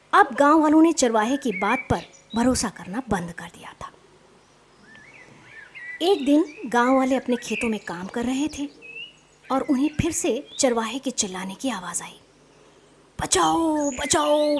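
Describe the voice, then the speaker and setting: A woman narrating a children's story in a slow, expressive reading style. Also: fairly high pitch, a little hiss or hum.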